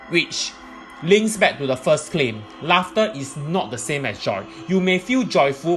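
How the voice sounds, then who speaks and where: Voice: mid-range voice, a bit bright. A presenter giving explanatory religious teaching in a methodical, point-by-point way.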